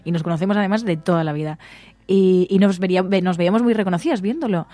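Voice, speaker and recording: A woman's voice: fairly low pitch, quick pace, no room sound. Chatty woman co-host. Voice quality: relaxed, chatty. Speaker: radio co-host. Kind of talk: casual chat.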